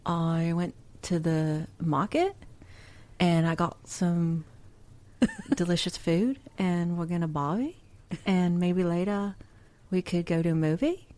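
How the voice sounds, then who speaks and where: A woman's voice: lowish voice, animated, slow pace, darkish tone. A woman putting on a playful New Zealand accent, lifting the end of every phrase as if asking a question. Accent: attempted New Zealand. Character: chatty woman from New Zealand, rising lilt.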